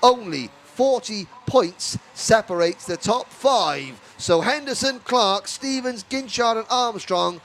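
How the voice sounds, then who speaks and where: A man reads out karting results and championship standings at a steady clip. His voice sits high for a man. A faint hum of trackside ambience runs behind him. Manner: brisk results reading, wry asides. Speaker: race commentator. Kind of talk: motorsport results commentary.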